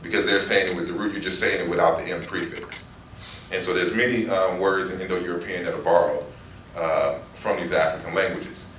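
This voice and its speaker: A man lectures in a low voice, working through long lists of words one at a time. He is heard from some distance in a roomy, echoing space. A faint hiss sits under the recording. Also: steady tone, fairly quick, a bit bright. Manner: explains by reading out word lists. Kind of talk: lecture on word roots. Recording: roomy echo from far off, faint noise.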